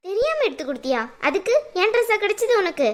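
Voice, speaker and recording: A woman voicing an angry, sharp-tongued young woman in a cartoon, scolding and demanding. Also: very high-pitched, big pitch swings, voice pushed up. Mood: furious. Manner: scolding, demanding, quick to anger. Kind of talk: cartoon voice acting.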